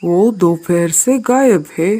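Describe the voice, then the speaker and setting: A man's voice: high voice, takes it slowly, mellow. A man voicing a kind male crow in a cartoon, speaking with urgency and care. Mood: concerned. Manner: urgent, caring. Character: kind male crow, helpful uncle to the chick.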